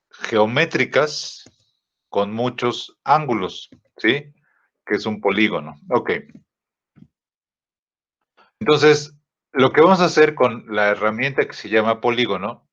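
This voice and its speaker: Guy teaching a software class, low voice, slow and halting, dull muffled audio. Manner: slow, halting, many fillers and rhetorical checks. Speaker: design teacher. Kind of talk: software tutorial lesson.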